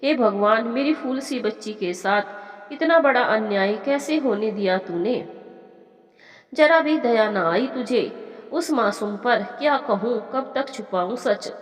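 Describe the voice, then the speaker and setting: Grieving village mother, protective, woman storyteller voicing, slightly high, reverberant room. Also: expressive, slow pace. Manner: soothing, then lamenting to God. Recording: echoey room with long reverb.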